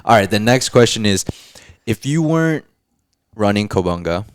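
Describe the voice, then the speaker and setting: A man's voice: lowish voice, very animated, moderate pace, clear, resonant tone, no echo, studio quality. A man hosting a podcast interview, talking in a slangy, playful way and calling his guest "bro.". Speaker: podcast host. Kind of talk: casual interview chat.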